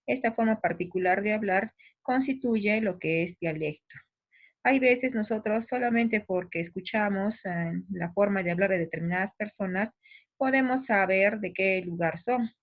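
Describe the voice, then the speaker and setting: A woman's voice: mid-range voice, normal speed. Patient Peruvian woman teacher, tinny audio. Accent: Peruvian provincial Spanish. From Peru. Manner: patient, explanatory, often restarts and addresses students directly. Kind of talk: recorded class explanation.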